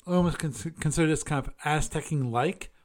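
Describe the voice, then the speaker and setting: A man hosts a casual solo show, musing aloud, chatting, and correcting himself as he reviews things. His voice is fairly high and he talks a little fast.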